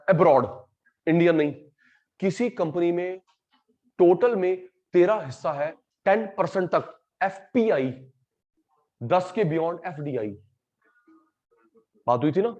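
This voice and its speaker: A man's voice: high voice, lively intonation, slow, pauses often, darkish tone, dull audio. A man teaching an economics class in a casual, teasing way, mixing Hindi with English terms. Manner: chatty, teasing, switches between Hindi and English. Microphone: microphone.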